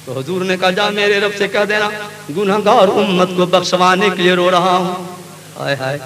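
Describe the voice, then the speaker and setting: High-voiced fervent male preacher. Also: fairly even intonation, over music. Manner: swings from soft storytelling to loud, fervent calls for the crowd's response. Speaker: Islamic preacher. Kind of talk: sermon to a live gathering. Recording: live event with crowd audible. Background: crowd.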